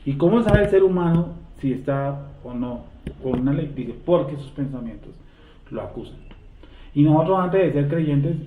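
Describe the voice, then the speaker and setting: A man leads a Bible class with a fairly high voice, often asking a question and answering it himself. He sounds far from the mic in an echoey room. The sound is tinny, like a phone line. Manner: asks the class rhetorical questions and answers them. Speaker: Bible teacher.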